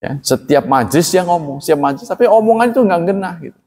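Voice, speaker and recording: A man's voice: sits high, fast talker, slightly rough. A man preaching a religious lecture to a congregation, speaking plainly and evenly, often asking listeners to agree. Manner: plain, even delivery, calls himself flat-spoken. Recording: long reverb in a hall.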